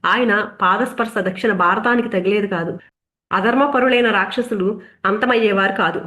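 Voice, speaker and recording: A woman's voice: medium pitch, moderate pace, sharp tone. A woman giving an earnest devotional talk on scripture, building her points through long rhetorical lists. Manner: earnest, rhetorical, list-like delivery. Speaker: spiritual speaker.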